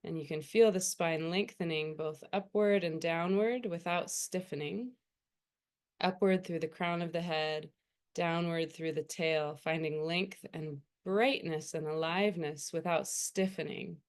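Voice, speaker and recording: A woman meditation teacher guides the listener soothingly in a low, smooth, resonant voice with fairly even intonation. She speaks very slowly and gently, letting unhurried pauses fall between phrases.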